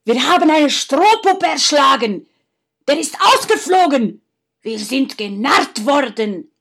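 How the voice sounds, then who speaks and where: A greedy, scheming villain of a storybook tale, put on by a woman narrator. He barks his orders and bursts out loudly, pitched well above the reader's calm tone, with a strained, altered timbre. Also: slow pace, heavily acted. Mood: shocked. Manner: excited, commanding outbursts.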